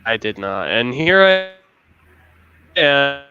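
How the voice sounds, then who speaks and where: A man's voice: medium pitch, sing-song, takes it slowly, bright, forceful tone. Man on a staticky, cutting-out line. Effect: staticky connection cutting out. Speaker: podcast co-host. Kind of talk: casual podcast chat. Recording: dull lo-fi call audio breaking up.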